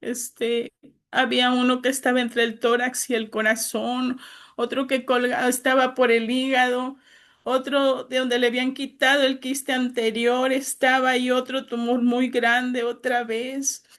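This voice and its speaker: A woman's voice: high-pitched, flat delivery, unhurried, a bit bright. A middle-aged woman giving an earnest, pleading religious testimony to a group of church sisters, with frequent filler words.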